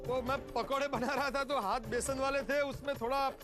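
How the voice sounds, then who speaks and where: A man acting in a television sitcom who shouts indignantly from his balcony. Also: very high voice, fairly even intonation, moderate pace. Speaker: sitcom character calling from a balcony. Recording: background music throughout.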